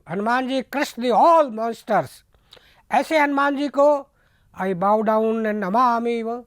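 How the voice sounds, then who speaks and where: High-voiced man teaching slowly. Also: a bit bright, no echo, studio quality. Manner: slow, deliberate, repeats words for emphasis. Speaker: spiritual teacher. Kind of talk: devotional discourse with pronunciation lessons.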